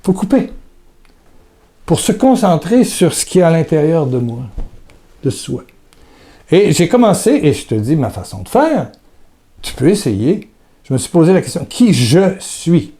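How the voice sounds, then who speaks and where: Mellow-voiced man giving a hesitant devotional talk. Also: on the high side, sing-song, moderate pace, pauses often. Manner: hesitant, repeats words, speaks intimately to the listener.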